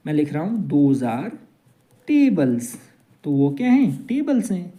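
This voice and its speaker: Slow, mellow man teaching English. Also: fairly high pitch, very animated. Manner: slow, drawn-out example sentences. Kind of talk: whiteboard grammar lesson.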